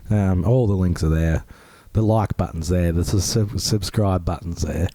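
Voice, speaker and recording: A man with a hoarse, grating, strained voice, chatting casually as a podcast co-host. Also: sits low, moderate pace, dark tone, no echo. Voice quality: grating, rough. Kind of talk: casual chat.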